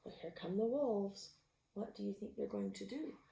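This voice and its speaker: Gravelly woman reading a picture book aloud. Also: medium pitch, normal speed, a little hiss or hum. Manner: expressive, with gasps and animal sounds; drops to a whisper at tense moments. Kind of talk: storybook read-aloud. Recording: roomy echo.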